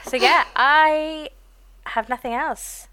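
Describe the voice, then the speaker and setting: Bright, higher-voiced woman chatting. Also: steady tone, slow, rough recording. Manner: playful, joking. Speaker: podcast co-host. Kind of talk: casual chat about anime.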